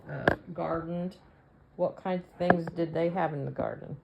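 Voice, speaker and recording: A woman's voice: low-pitched, steady tone, normal speed, creaky, lo-fi sound, very noisy. A woman interviewing her father casually, prompting him with curious questions.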